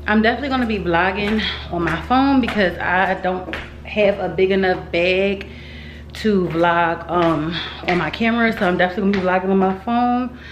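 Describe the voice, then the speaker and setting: A woman vlogger chatting casually to her viewers in slangy, informal speech with drawn-out emphatic words. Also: medium pitch. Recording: roomy echo, some background noise.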